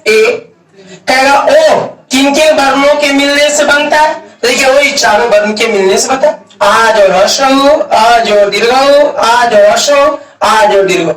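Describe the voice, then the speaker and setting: A man's voice: extremely high pitch, a bit bright. A man teaching a grammar lesson at a board, asking questions and answering them himself, stretching out key words. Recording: echoey room, mic far off.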